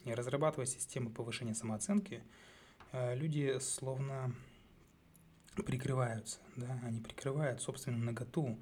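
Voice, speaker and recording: A man hosting a solo psychology talk, speaking in a measured, thoughtful way with frequent hesitations and self-corrections. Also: mid-range voice, a little mellow, slight background noise. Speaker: psychology channel host.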